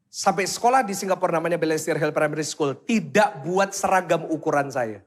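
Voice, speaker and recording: At a brisk clip, the pastor preaches in a fairly high voice with a lilt. His animated sermon is full of questions aimed at the congregation, plus short bits where he acts out voices to make his point.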